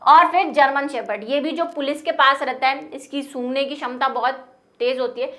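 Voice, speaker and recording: A young woman with a high, light voice gives a classroom biology lecture. She explains each point patiently and keeps stopping to ask her students rhetorical questions. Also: fairly even intonation, moderate pace, fairly bright tone. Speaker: biology teacher.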